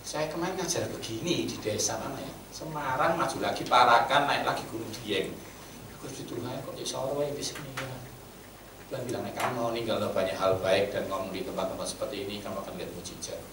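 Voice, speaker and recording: Guy preaching w javanese-tinged accent, blunt, loud then hushed, mic far off, echoey hall, bit of hum. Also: mid-range voice, quick pace. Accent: Javanese-tinged Indonesian. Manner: blunt, animated, jumps between loud and hushed. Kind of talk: sermon with storytelling. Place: church meeting hall. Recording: roomy echo, from a distance, faint background hum.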